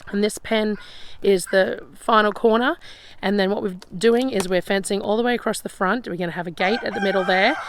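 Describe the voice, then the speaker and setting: Gravelly-voiced Australian woman, outdoors among noisy poultry. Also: mid-range voice. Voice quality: gravelly, slightly raspy. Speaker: vlogger showing her homestead. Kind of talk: casual walk-and-talk chat. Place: outdoors by chicken pens on a rural property. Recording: outdoor farm noise, loud poultry. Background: roosters crowing, hens clucking, guinea fowl.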